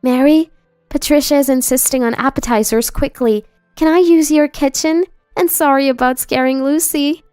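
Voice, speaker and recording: A woman's voice: high-pitched, moderate pace, a little mellow, dry recording, studio quality, faint music behind, voice pushed up, close to an everyday voice. A woman voicing a kind young sister-in-law who speaks apologetically in a storybook narration. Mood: apologetic.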